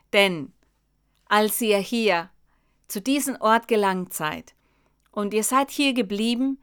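A woman preaching a sermon, explaining a Bible passage to her congregation in a slow, emphatic way. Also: fairly high pitch, pushed and bright, clear, resonant tone. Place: church.

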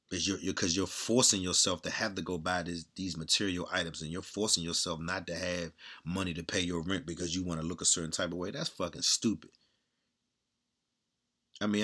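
Speaking in a low-pitched, strong, loud voice, a man gives a blunt and candid casual monologue. He swears without restraint and keeps repeating himself.

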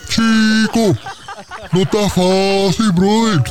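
A man's voice: sits high, fairly even intonation, extremely slow, faint music behind. A man with a Puerto Rican accent on a comedy radio show, boasting through an exaggerated story full of slang and sung sound effects.

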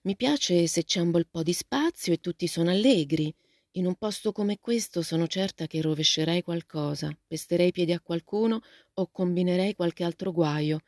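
A woman voicing a lively, outspoken teenage girl in a storybook reading, asking eager, gushing questions. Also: lowish voice, moderate pace, dry recording, studio quality, close to an everyday voice. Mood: friendly.

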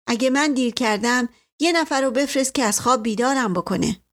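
A woman's voice: sits high, pitched above the performer's own voice. A woman voicing an eager, cocky young village man.

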